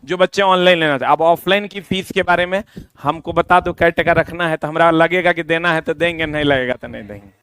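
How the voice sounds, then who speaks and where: A man explains a course to exam students in a loose, repeating way, addressing them directly. His voice sits high for a man and sounds smooth and resonant. The recording is dry, with almost no room sound. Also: little pitch movement, a little fast, fairly bright tone, no echo. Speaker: coaching teacher.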